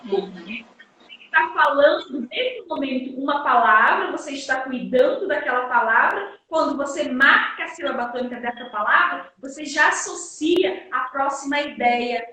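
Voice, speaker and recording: A Brazilian woman teacher giving a lively live-stream lesson, emphatic and energetic, acting out her students' questions. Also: high-pitched, normal speed. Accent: Brazilian Portuguese. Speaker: guest teacher. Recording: echoey room, distant mic.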